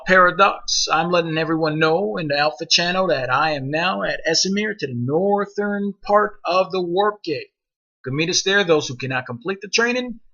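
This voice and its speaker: A man with a bright, forceful voice lays down the rules to new recruits, blunt and commanding, and he swears freely. His voice sits a little high and comes through dull, lo-fi voice-chat audio. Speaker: outfit leader training new members. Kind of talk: casual voice-chat instruction.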